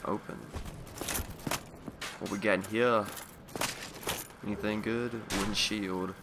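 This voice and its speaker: A man's voice: lowish voice, steady tone, slow. A man giving casual, off-the-cuff commentary while he plays a video game. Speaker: gamer recording a playthrough. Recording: loud background noise, clicks.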